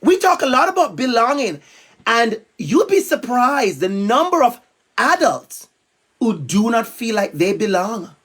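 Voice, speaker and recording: Visiting a school, a Jamaican-accented man from Jamaica talks to young students in a very high, very animated voice that's a little slow and fairly bright. His manner is playful and emphatic, and he calls out to the kids.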